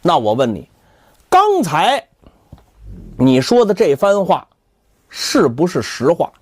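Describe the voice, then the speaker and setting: A calm, stern older official speaks slowly, with quiet menace, as a male storyteller plays him. His voice drops lower than the narration but stays lively in inflection. The recording is dry and close. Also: slightly rough, dry recording, heavily acted. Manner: slow, measured, quietly threatening.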